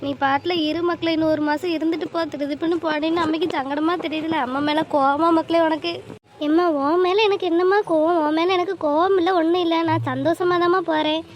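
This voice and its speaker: A woman voicing a caring young mother in an animated family drama, gently reassuring her mother. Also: extremely high pitch, quick pace. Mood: soothing. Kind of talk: cartoon voice acting. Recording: faint ambient noise.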